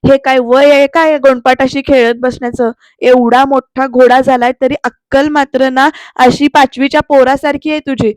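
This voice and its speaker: A bold, scolding young woman tears into a lazy rich boy, loud and mocking, on a high voice with a dry, close sound, as a woman acts her out in a recap. Every line lands like a telling-off. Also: flat delivery, moderate pace, no room sound, close to an everyday voice. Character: sharp-tongued young woman scolding a spoiled heir.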